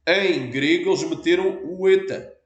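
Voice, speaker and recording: Speaking somewhat slowly in a high-sitting voice, a pastor with a European Portuguese accent works patiently through a teaching sermon and seeks his audience's assent. The room is echoey and the audio dull.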